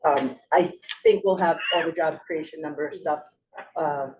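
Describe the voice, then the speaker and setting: Woman running the agenda at a board meeting, low-ish voice, hesitant with ums, heard from across the room with faint hiss. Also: normal speed, darkish tone, dull audio. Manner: casual, hesitant, many ums and restarts. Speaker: agency staff leading agenda items. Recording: distant mic with faint hiss.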